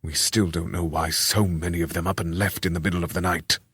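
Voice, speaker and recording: A man voicing a calculating leader, speaking in a brisk, matter-of-fact way. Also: low voice, steady tone, fairly bright tone, husky, no room sound, full character voice.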